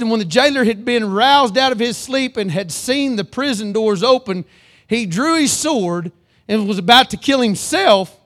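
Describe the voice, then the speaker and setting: This sermon is delivered by a high-voiced male preacher who reads scripture aloud and then preaches on it. He calls for amens, moving from loud emphasis down to low earnestness.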